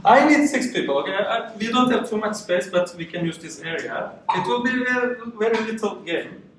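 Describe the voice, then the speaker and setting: A man's voice: high-pitched, animated, normal speed, fairly bright tone, slight background noise. A man from Turkey gives a friendly live meetup talk with many uh fillers, often checking in with okay and right. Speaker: meetup speaker and organizer. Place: event room with audience. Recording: echoey room from far off.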